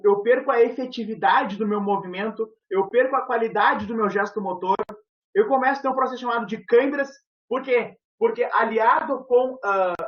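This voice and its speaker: A man giving an informal university lecture over a video call, explaining aloud with frequent fillers. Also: sits high. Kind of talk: online lecture. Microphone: headset. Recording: muffled video-call audio.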